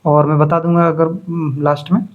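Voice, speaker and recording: A man's voice: fairly high pitch, little pitch movement, narrow, tinny audio. A man, lecturing to students and explaining points by repeating and contrasting them. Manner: explains by contrast and repetition, reads English terms slowly. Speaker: teacher. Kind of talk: classroom lecture.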